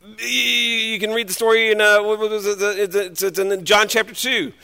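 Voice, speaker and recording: A man preaching a sermon and reading scripture aloud, dramatic, swinging between hushed passages and loud outbursts. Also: high voice, little pitch movement, normal speed, gravelly, clear, resonant tone. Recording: long hall reverb.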